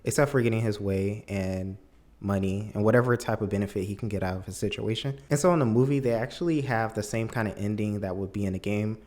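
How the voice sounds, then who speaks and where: A man with a fairly low, slightly mellow voice talks fast while giving a casual, opinionated film review as a video commentator. His manner is emphatic, incredulous and conversational.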